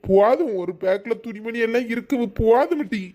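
A man's voice: extremely high pitch, animated, moderate pace, a little mellow. A man acting an exasperated husband with a Kanyakumari Tamil accent, scolding his wife. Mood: irritated. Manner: irritated, scolding. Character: exasperated husband leaving for work abroad. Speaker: comedy sketch actor.

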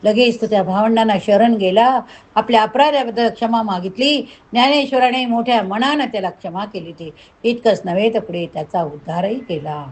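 A woman narrates a devotional saint's tale at an even, mid-height pitch. She reads with feeling and stops to draw lessons for her listeners. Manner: emotive, moralizing asides to listeners. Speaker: devotional storyteller. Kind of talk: reading a saint's life story aloud.

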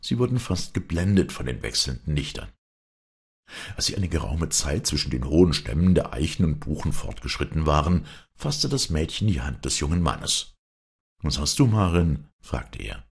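Deep, gravelly man reading a fairy tale. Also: moderate pace. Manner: expressive. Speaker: storyteller.

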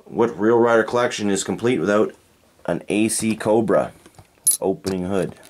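Indoors at a diorama on a tabletop, a Canadian man with a low voice handles and reviews toy cars without a script. Slight noise sits in the background. He sounds unhurried and at ease, reasoning out loud and catching his own mistakes.

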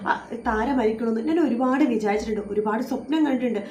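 A woman's voice: on the high side, quick pace, a little mellow, lightly acted. A woman voicing a frantic, guilt-stricken middle-aged mother wailing and pleading to God. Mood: distraught. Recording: echoey room with faint noise.

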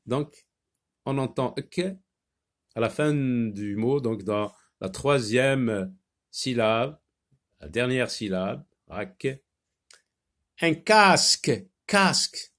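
A man teaching a phonics lesson to children, stretching out sounds and words and pausing on hesitation fillers. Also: mid-range voice. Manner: slow, drawn-out repetition of sounds and words.

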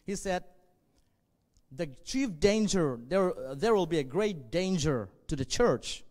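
A man in his forties from northwest Burma, a native Zomi speaker, preaching a sermon in an earnest, measured way with frequent pauses, speaking into a handheld mic on a church stage. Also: sits high, animated, a little mellow. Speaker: pastor. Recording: long hall reverb.

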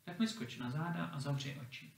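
A man reading a fairy tale, voicing an enchanted dog that is patient, loving and gently insistent. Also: a little high, vocal fry. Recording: roomy echo, distant mic.

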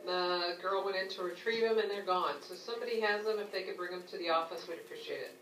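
A woman from the school office making a brisk, polite announcement over the school intercom. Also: fairly low pitch, a little hiss or hum. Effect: school intercom loudspeaker. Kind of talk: public address announcement. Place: classroom, heard through wall speaker. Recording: distant echoey loudspeaker in classroom.

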